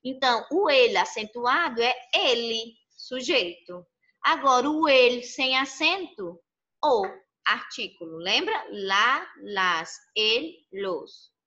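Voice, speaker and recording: A woman's voice: fairly high pitch, lively intonation, takes it slowly, sharp tone. A woman teaching a recorded online lesson, explaining step by step and checking in with her students often. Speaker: Spanish teacher. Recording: muffled lo-fi audio.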